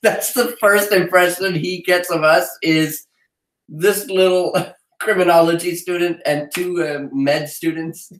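A man casually sharing the story of meeting his partner, animated and giggly. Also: sits high, measured pace, reverberant, low-quality recording. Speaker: co-host telling their story.

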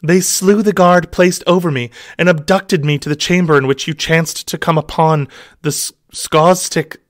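A man's voice: a little high, fairly even intonation, normal speed, no echo, clean studio sound, pitched above the performer's own voice, close to an everyday voice. A man putting on a sultry noblewoman. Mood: mock sultry.

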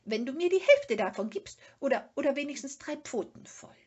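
A woman voicing a small, timid but excitable animal creature in a storybook reading, eager and breathless. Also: high-pitched, fairly quick, muffled recording, voice pushed up. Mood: excited.

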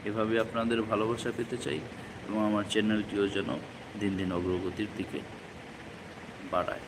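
A man teaching a live Quran recitation class, drilling letter sounds slowly and repeating each syllable for learners. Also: fairly low pitch, flat delivery, noisy background.

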